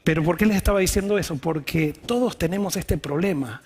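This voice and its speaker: A pastor delivers a sermon through candid personal storytelling. His voice sits noticeably high for a man and has a husky, slightly rough edge. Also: brisk, a little mellow.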